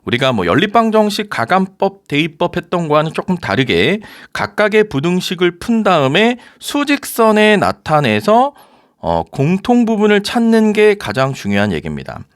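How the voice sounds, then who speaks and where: A man teaching a recorded high-school math lecture, talking students through each step and often checking with rhetorical questions. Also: normal speed, no room sound, clean studio sound. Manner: lively, coaxing, asks rhetorical questions.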